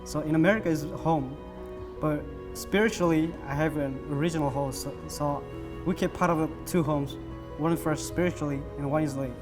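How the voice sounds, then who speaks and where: Guy, kinda high voice, earnest and halting, music going behind. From Burma. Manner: earnest, halting, with simple phrasing. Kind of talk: personal interview.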